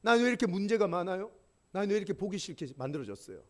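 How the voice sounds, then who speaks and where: Angry wooden boy puppet, put on by a man, indignant questions, storybook voice, low and hushed. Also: very animated, rapid-fire. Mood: pleading.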